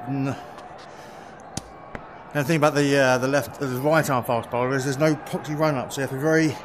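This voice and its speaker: A man giving relaxed, chatty running commentary on his own play in a VR cricket game, with quick exclamations. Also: mid-range voice. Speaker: gaming video creator. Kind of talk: live commentary while playing a VR cricket game. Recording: steady background noise.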